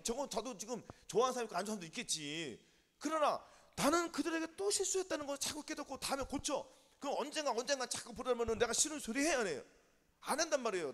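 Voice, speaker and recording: A high-voiced man preaches with lively swings in pitch, tossing yes-or-no questions at his congregation. His voice carries through a long church reverb. He speaks in the steady, exhorting rhythm of a Sunday sermon. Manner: call-and-response questions to the congregation. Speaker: pastor. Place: church sanctuary.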